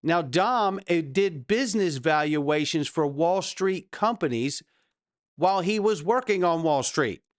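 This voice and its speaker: A man with a fairly high, very clean and resonant voice delivers market commentary as a crypto bro host. He is emphatic and salesy, often putting rhetorical questions straight to his audience. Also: expressive, measured pace, no echo, studio quality. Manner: crypto bro hype talk. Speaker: host of a cryptocurrency news show. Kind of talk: hype-driven market commentary to viewers.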